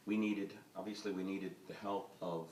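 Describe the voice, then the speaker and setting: In an event hall with an audience, a film director on a panel speaks at normal speed in a low, darkish voice with little pitch movement. His talk wanders, packed with uhs and ums. The mic sits far off in the roomy hall, and there's slight background noise.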